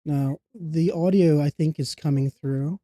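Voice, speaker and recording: Stuffy with a cold, this streamer still chats cheerfully with their viewers, welcoming them and giggling frequently during casual livestream talk. The voice is medium-pitched, dark-toned, and unhurried, recorded without echo on a desktop streaming mic.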